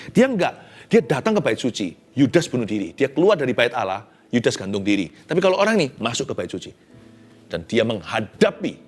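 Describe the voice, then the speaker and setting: A man, a pastor, preaching a sermon in a conversational, animated way. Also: lowish voice.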